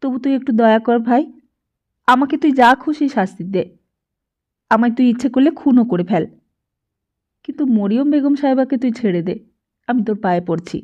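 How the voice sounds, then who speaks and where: A woman's voice: on the high side, moderate pace, long pauses, muffled recording, close to an everyday voice. A woman reading an audiobook, voicing a young man tied up and pleading urgently for another's release.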